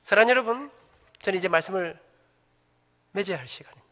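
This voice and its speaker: A man's voice: high-pitched, fast, pushed and bright. A middle-aged man, a church elder, giving a humorous, emphatic testimony to a congregation in a church sanctuary. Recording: echoey church hall.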